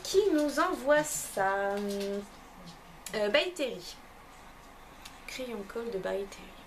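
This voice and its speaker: A young woman talks through a box of beauty products in a relaxed review. Her voice sits a little high, and she often stops and restarts with fillers. Faint room noise hangs behind her. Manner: hesitant, many fillers and restarts. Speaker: beauty vlogger. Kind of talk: casual unboxing review.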